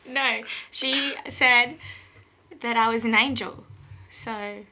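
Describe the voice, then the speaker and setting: A woman's voice: a little high, steady tone, takes it slowly, pushed and bright. A young Australian woman at college, telling her story in a casual interview, rambling and laughing often. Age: young adult.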